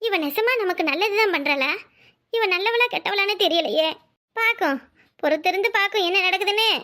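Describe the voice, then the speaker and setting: A woman's voice: extremely high pitch, expressive, fairly quick, sharp tone, exaggerated voice. A woman voicing a quarrelsome middle-aged mother-in-law in a cartoon, moaning about her broken arm and scolding in turns. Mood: suspicious. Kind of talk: cartoon voice acting.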